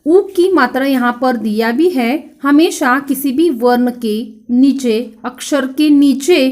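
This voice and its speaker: Slow, high-voiced woman teaching children. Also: a little mellow. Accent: Marathi. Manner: slow, repeats words for children to echo. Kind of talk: children's grammar lesson.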